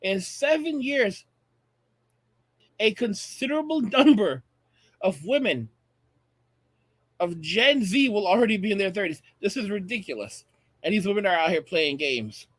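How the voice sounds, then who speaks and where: He's an American in his late thirties with a notably high, somewhat bright voice, speaking as a video channel host sharing strong opinions with his audience. Expressive and unhurried, he pauses often and repeats phrases emphatically for effect. The recording is dry and close.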